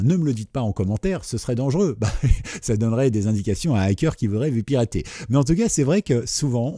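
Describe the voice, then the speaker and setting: A man's voice: medium pitch, mellow, slightly rough, no room sound, studio quality. A man with a French accent hosting a computer tutorial, explaining casually and checking in with the viewer often. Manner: chatty, checks in with "d'accord?" often.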